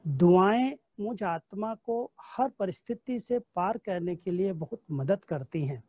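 A man leads a devotional class, weaving in personal stories and recalling conversations as he goes. His voice is mellow and relaxed, with a dry, close sound. He speaks in a steady teaching cadence. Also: high voice, slow, no echo. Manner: storytelling, recounting dialogue from memory. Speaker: spiritual teacher giving a class.

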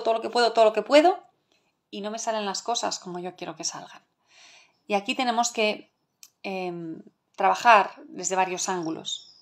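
A middle-aged woman with a Spain Spanish accent leads an online parenting masterclass, her voice pitched in the middle of the usual range for a woman. She speaks earnestly and with emphasis, and keeps asking the audience rhetorical questions. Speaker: parenting educator.

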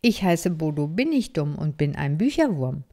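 A woman's voice: low voice, sing-song, normal speed, warm tone, full character voice. Woman playing a small eager bookworm boy. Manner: eager, easily startled. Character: small proud excited male bookworm.

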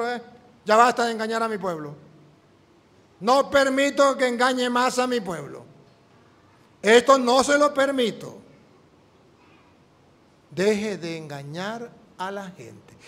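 A preacher tells a story within his sermon, his fairly high voice animated as he performs the dialogue. The sound lingers in a long reverb suggestive of a spacious church hall.

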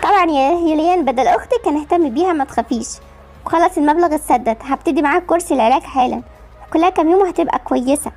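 Woman playing a calm businesslike doctor. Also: sits high, racing, faint music behind. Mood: reassuring. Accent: Egyptian Arabic.

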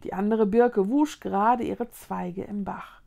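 A woman reading a children's storybook aloud in a lively, expressive way. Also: medium pitch, measured pace, vocal fry. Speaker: storybook reader.

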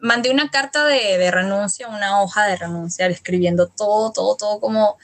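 A woman's voice: mid-range voice, brisk, a bit bright. Latin American woman recounting work struggles. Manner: hesitant, many restarts and fillers, quotes her own past words. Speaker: interview guest. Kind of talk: casual storytelling interview. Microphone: studio microphone.

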